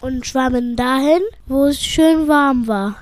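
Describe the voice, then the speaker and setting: Slow, high-pitched woman telling a children's story. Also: background noise. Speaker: narrator.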